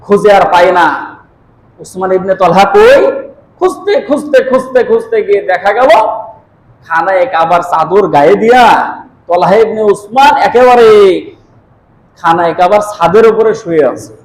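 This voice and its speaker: A man's voice: normal speed, pauses often, echoey room, poor audio. A man giving a Friday sermon as a preacher, telling stories dramatically and acting out the quoted speech. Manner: dramatic, acts out quoted speech with big swings in pitch and loudness.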